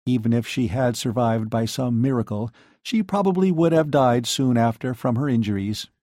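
A man's voice: mid-range voice, normal speed, warm tone, dry recording, clean studio sound, lightly acted. A man reading an audiobook, voicing a young woman bar owner who speaks coldly and acerbically. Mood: detached. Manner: clipped and cutting.

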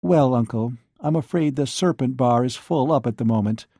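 A man's voice: medium pitch, moderate pace, creaky, mellow, no room sound, clean studio sound. A man voicing a coldly cutting young woman. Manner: clipped and cutting. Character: cold, acerbic young woman bar owner.

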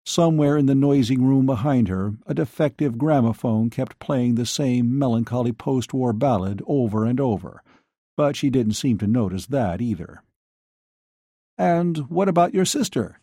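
Brief: male audiobook narrator, mellow and warm, dry close recording. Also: medium pitch, normal speed, dry recording. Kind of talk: scripted novel narration.

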